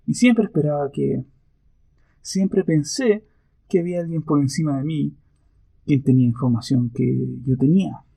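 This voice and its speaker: Brief: gravelly, fairly high male interview guest, reflective and hesitant, dry close sound. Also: dark tone, dry recording. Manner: thoughtful, reflective, with hesitant pauses. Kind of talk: conversational interview answers.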